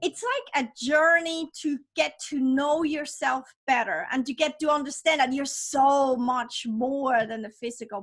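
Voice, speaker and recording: A woman's voice: high voice, a bit bright. A woman author, not a native English speaker, talking with upbeat enthusiasm as a podcast guest. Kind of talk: casual interview chat.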